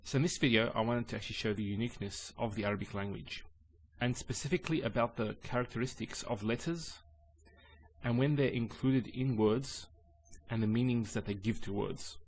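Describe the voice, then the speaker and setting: Calm man explaining a language lesson. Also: medium pitch, slight background noise. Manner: calm, measured explaining with pauses. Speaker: Arabic teacher.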